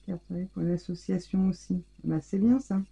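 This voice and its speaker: A woman's voice: fairly low pitch, moderate pace, creaky, warm tone, breathy edge, poor audio. A woman hosting a casual scrapbooking vlog, effusively gushing over the handmade gifts she unwraps. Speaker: scrapbooking channel host. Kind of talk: casual mail-opening vlog.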